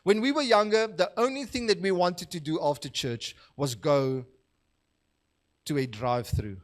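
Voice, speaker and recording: A man with a notably high voice delivers a sermon. He talks to the congregation in a relaxed storytelling way, pausing to ask for the next verse on screen. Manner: conversational storytelling, laughing at his own anecdotes; asks the slide operator for the next verse. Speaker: pastor.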